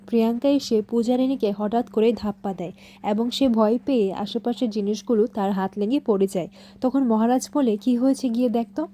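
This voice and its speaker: Woman, scripted recap narration, even retelling, mellow tone, slightly high voice. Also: slight background noise. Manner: steady, even retelling, reading each character's lines in the same plain voice. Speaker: serial episode recapper.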